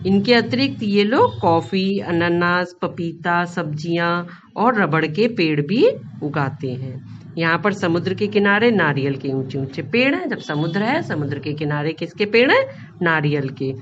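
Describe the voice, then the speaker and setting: A woman schoolteacher with an Indian Hindi accent walks a class through a lesson, her voice sitting a little low and swinging widely in pitch. She reads a line, asks the class, then repeats the answer. The recording is dull and lo-fi, with a faint hum of room noise behind. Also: big pitch swings, a little slow. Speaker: school teacher.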